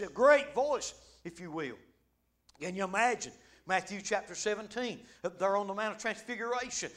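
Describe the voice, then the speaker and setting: A male preacher with a strikingly high voice delivers a fervent revival sermon. He circles back on his phrases and drives them home with repeated amens. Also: fairly bright tone. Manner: fervent, repetitive, punctuated with amens. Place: church.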